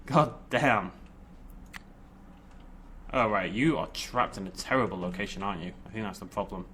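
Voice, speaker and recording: A man's voice: sits low, quick pace, hardly any pauses, fairly bright tone, a little hiss or hum. A man giving casual, informal game commentary, thinking aloud and playfully talking to the game. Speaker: gaming video host.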